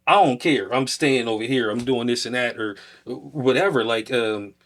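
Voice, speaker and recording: A man co-hosts a casual podcast. He lays out his points step by step in an easygoing, conversational way, at a mid pitch. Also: normal speed. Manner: relaxed, explanatory, builds points step by step. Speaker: podcast co-host.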